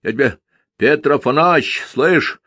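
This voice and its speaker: A man reading aloud and voicing a drunken, bullying village peasant who blusters and shouts. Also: medium pitch, measured pace, no echo, voice pushed up. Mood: scolding.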